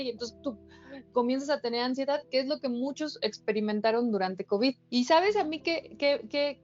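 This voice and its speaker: A woman, explaining things in a relaxed, slangy way on a casual podcast. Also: a little high. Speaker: podcast co-host. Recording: slightly dull lo-fi, faint music bed.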